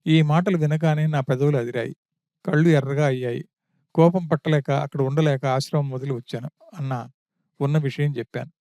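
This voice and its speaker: A man's voice: on the high side, fairly even intonation, brisk, dark tone, no room sound, natural voice. A man reading a loyal, wounded younger prince.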